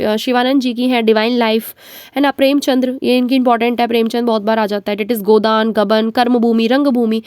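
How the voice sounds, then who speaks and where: A young woman with a hoarse voice from a cold, running through a fast, chatty exam revision lesson. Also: on the high side, a little mellow, no room sound. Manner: rapid, chatty, Hinglish asides. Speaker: exam prep teacher.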